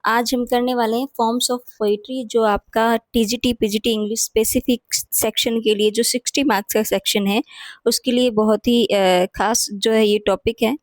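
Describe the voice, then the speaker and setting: A woman's voice: fairly high pitch, fairly even intonation, normal speed, no room sound. A woman hosting an exam-prep lesson, explaining patiently and repeating key points with frequent "theek hai" checks. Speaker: teacher and channel host.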